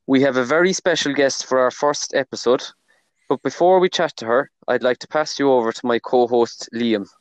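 A man's voice: mid-range voice, normal speed, no room sound. A man with an Irish accent welcoming listeners as a podcast host. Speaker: podcast host, primary school teacher. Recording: dull, slightly lo-fi sound.

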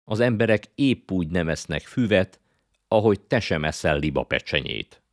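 A man reading aloud and voicing a sharp-tongued young girl who scolds impatiently. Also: sits low, animated, no room sound, clean studio sound, pitched above the performer's own voice.

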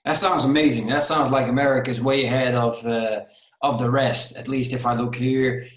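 A man hosts a live interview, his voice set in a middle pitch. He asks questions and keeps his guest going with short, encouraging replies. His voice echoes in the room. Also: fairly even intonation, moderate pace. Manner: encouraging, frequent backchannels. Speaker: interviewer, host.

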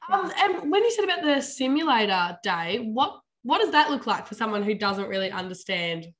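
Higher-pitched Australian woman hosting casually. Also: sing-song, moderate pace, a bit bright. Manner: informal, slangy, conversational. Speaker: podcast host, interviewer.

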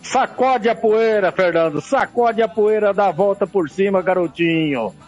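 A man's voice: sits high, moderate pace, a little mellow, soft background music. A Brazilian man giving impassioned sports opinion on radio, with emphatic repetition and frequent tag questions.

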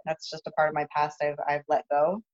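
Monotone, a little fast and darkish in tone, a young woman who competes as a lifter speaks loosely in a phone interview with frequent fillers and restarts. Her upper register is gone, so her voice is no longer high, and the phone audio is muffled.

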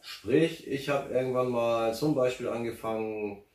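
A man's voice: medium pitch, measured pace, darkish tone. A man being interviewed, talking casually and rambling with many fillers and restarts. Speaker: interview guest, finance blogger. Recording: roomy, distant from mic.

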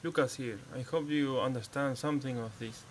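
A brisk, medium-pitched man from Argentina, a native Spanish speaker with an Argentine accent, leaves a simple voicemail in English, his second language. He's a podcast listener, and background noise can be heard in the recording.

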